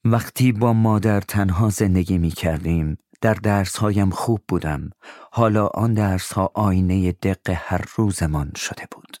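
A man calmly narrating a storybook in the first person, in an even, steady storytelling voice. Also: low voice, no echo, clean studio sound.

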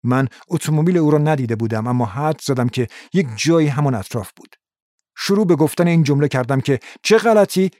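A man's voice: medium pitch, mellow, no echo, studio quality. Man reading an audiobook steadily. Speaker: audiobook narrator. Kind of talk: scripted narration of a crime novel.

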